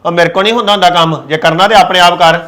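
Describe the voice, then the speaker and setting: A man's voice: high voice, fairly even intonation, rapid-fire, fairly bright tone. A man playing a stern elder brother, scolding his younger sibling in an exasperated way. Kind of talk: scripted web drama acting.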